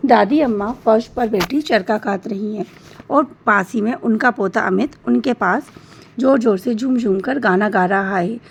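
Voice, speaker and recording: A woman's voice: mid-range voice, moderate pace, vocal fry, slightly rough. A woman narrating a children's story in a friendly storytelling manner, addressing listeners as friends.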